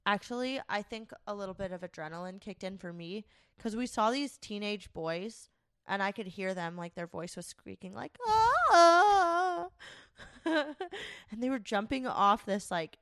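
A woman's voice: mid-range voice, a bit bright, no echo. Young woman, podcast co-host, casual swearing chat, dry close sound. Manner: chatty, swearing, laughing often.

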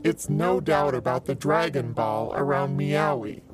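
A woman voicing a big, easygoing cloud dragon in a low, gravelly, offhand way in a storybook reading. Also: unhurried, soft background music. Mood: matter-of-fact.

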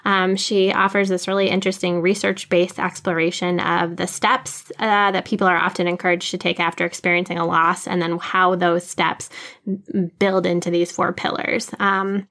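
A woman co-hosting a casual podcast, summarizing a book in a measured way with frequent "um" and "so". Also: fairly low pitch, level tone, fairly bright tone. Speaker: podcast co-host. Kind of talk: casual book-recommendation chat.

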